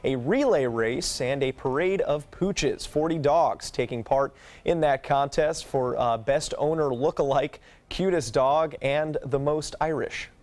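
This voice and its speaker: A man's voice: on the high side, a little slow, darkish tone. An American man reading scripted local television news as an anchor.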